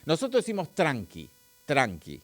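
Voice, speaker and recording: Speaking with an Argentine accent, this physics teacher runs a chatty live-stream lesson, addressing viewers directly and reading their chat. His voice is fairly high and a bit bright, with huge pitch swings at a moderate pace. There's no echo.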